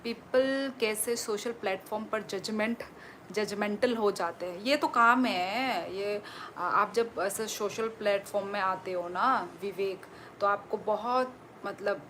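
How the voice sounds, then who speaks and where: A woman's voice: medium pitch, takes it slowly, fairly bright tone. A woman hosting a casual phone livestream, reading out viewers' comments and answering them in a chatty way. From Tripura, India. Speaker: live streamer. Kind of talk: casual live-stream chat. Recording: phone livestream with clear background noise.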